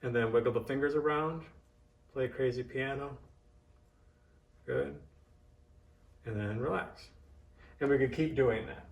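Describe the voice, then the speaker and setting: A man's voice: mid-range voice, vocal fry, lo-fi sound. A man giving an informal hands-on demonstration as an instructor, thinking aloud and coaching in short cues. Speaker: massage therapist and instructor. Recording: echoey room, distant microphone.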